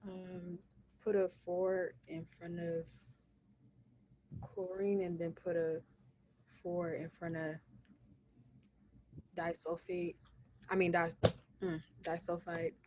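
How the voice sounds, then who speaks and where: A woman student answering her teacher hesitantly and softly. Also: fairly low pitch, flat delivery, slow, long pauses, slight background noise. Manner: hesitant, soft-spoken.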